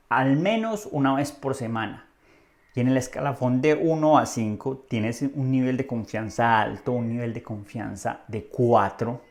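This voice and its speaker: A Colombian man leads a Spanish lesson at an unhurried pace, with a voice of middling pitch. He drills everyday greetings, spelling out each phrase slowly and raising his voice when he models it for the listener to repeat. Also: darkish tone. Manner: slow, over-articulated model phrases, lifting pitch and volume on example greetings. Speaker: Spanish teacher.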